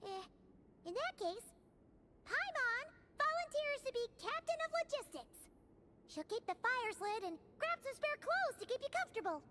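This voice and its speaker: Squeaky little fairy Paimon. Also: female voice, very animated, moderate pace, noisy background. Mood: eager. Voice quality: squeaky, childlike. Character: tiny floating fairy companion girl, childlike, perky, eager. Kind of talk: English video game voice acting.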